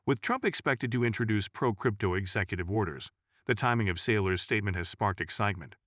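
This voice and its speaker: A man with a lowish voice reads a scripted news update in a steady, even delivery. The recording is dry and close. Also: brisk, no echo. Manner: even, read-aloud delivery. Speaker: news narrator.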